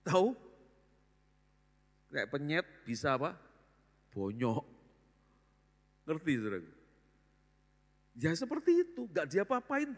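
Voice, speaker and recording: An older man preaching a sermon, lively and jokey, acting out the voices of people he quotes. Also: fairly high pitch. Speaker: pastor. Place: large church hall. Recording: long hall reverb.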